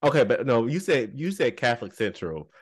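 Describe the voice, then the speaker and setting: A man's voice: medium pitch, very animated, a little fast, breathy edge. A man chatting casually as a podcast co-host, playful and self-mocking, repeating himself for emphasis. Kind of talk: casual chat.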